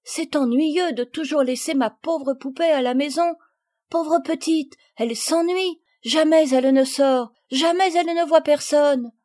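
A woman's voice: high voice, unhurried, a little mellow, dry recording, studio quality, pitched above the performer's own voice. A woman putting on a fretful, dramatic little girl. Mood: plaintive. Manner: pleading, exclamatory.

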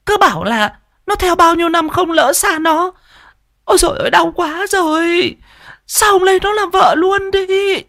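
A man's voice: very high-pitched, moderate pace, gravelly, pushed and bright, no echo, studio quality, pitched above the performer's own voice, exaggerated voice. A male storyteller voicing a nagging pregnant village wife in labor, whiny and scolding.

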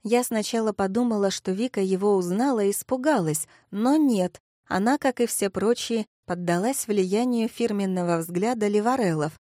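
A woman's voice: mid-range voice, moderate pace, hardly any pauses, no room sound, clean studio sound. Young woman narrating a first-person audiobook. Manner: lively, self-mocking inner-monologue delivery.

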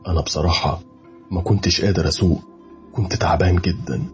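Male horror narrator, Egyptian Arabic accent, deep and intense, dramatic first-person telling. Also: steady tone, fast, faint music behind. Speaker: storyteller.

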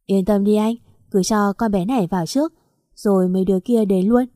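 A pushy young man snaps impatient orders, read aloud by a woman. The voice is mellow and dry, at times a little louder, in a spoken storybook. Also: mid-range voice, steady tone, a little fast, no echo, natural voice. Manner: snapping, bossy.

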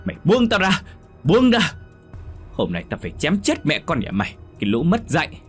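A man voicing a drunken, violent middle-aged father who shouts curses and threats. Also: very high-pitched, very animated, fast talker, soft background music, voice pushed up, exaggerated voice. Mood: furious.

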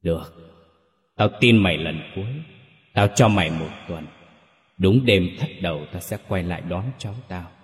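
A man's voice: low-pitched, moderate pace, long pauses, echoey room, big-room sound, natural voice. A man voicing a cold, vengeful ghost grandmother who speaks with suspicion and threats in a horror story reading. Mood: menacing.

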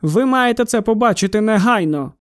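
A man's voice: high voice, a little fast, no room sound, studio quality. A man reading the part of an agitated, exclaiming middle-aged town constable in an audiobook. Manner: excited and exclaiming.

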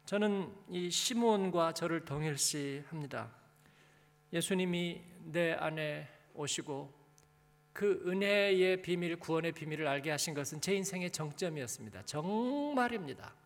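Preaching at a measured pace with lively intonation, a high-voiced pastor talks conversationally to his congregation in a large, long-reverb hall. He asks rhetorical questions and prompts listeners with short tag questions.

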